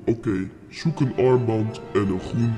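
A man's voice: lowish voice, unhurried, dark tone. A man voicing a smug, teasing mystery prankster through a voice-distortion effect, with faint music in the background. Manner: smug, teasing, laughs at his own prank. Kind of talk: comedy sketch.

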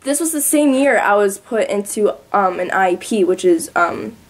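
A woman's voice: medium pitch, lively intonation, normal speed. A teenage girl guesting on a casual podcast, telling stories chattily and laughing along the way. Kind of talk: casual storytelling.

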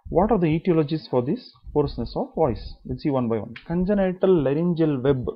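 A man's voice: on the high side, expressive, fairly quick, husky, lo-fi sound. A man giving a medical lecture, explaining step by step, repeating key terms and asking then answering his own questions.

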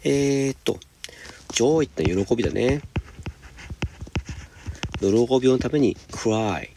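A man teaching high school English, patiently explaining homework step by step and reading example sentences slowly. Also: expressive, noisy background. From Japan.

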